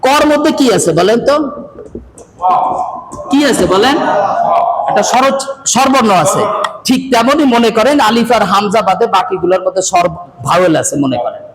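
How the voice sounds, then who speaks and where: A man's voice: sits high, expressive, normal speed, long pauses, a crowd in the background. A male Quran reading teacher, giving a classroom lesson by a board, quizzing his students and having them repeat after him. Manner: quizzes the class and drills repetition. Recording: echoey room, loud background noise.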